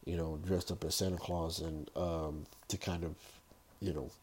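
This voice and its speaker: Deep, husky, mellow man hosting a podcast. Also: flat delivery. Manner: rambling, halting. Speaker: podcast host. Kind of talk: casual solo movie-review chat.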